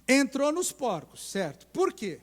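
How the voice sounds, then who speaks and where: In a church sanctuary thick with long hall reverb, a middle-aged man preaches, bringing stories to life with acted voices and questions for the congregation. His pitch is extremely high and his pace unhurried.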